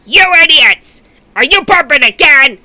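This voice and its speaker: Lady doing a fed up cartoon octopus guy, very sharp bright voice, highish, scolding slowly. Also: lively intonation, full character voice. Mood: indignant. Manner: exasperated, scolding.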